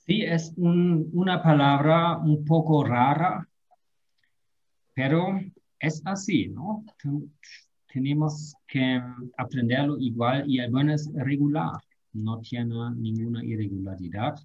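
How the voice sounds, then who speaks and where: A man teaching an online language lesson, drilling verb forms slowly and carefully. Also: mid-range voice, a little mellow, muffled recording. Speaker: German teacher.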